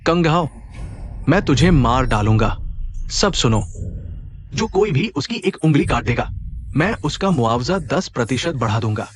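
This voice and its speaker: A male voice actor playing a blustering middle-aged village bully in a dubbed drama, loud and threatening. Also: mid-range voice, big pitch swings, measured pace, pauses often, slight background noise. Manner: loud, threatening, then fawning. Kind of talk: Hindi-dubbed drama acting.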